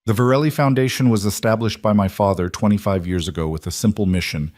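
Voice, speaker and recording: Crime boss at a podium in an audiobook thriller, formal and commanding, voiced by the narrator. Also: male voice, fairly low pitch, fast, darkish tone, no echo, studio quality, lightly acted. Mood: authoritative. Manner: formal speech-making, authoritative. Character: authoritative male crime boss giving a public speech.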